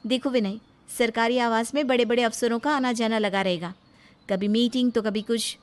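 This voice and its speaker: A woman plays an ambitious young woman who has become an officer and speaks in a curt, haughty way. Her voice sits rather high, in a storybook cartoon. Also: fairly even intonation, moderate pace, natural voice. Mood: cold.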